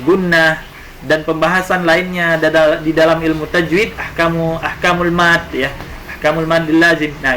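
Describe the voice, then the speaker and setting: A man's voice: a little high, sharp tone, low-quality recording. A man teaching an Arabic lesson in Indonesian. He reads Arabic phrases aloud, then translates and explains them step by step. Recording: faint background noise.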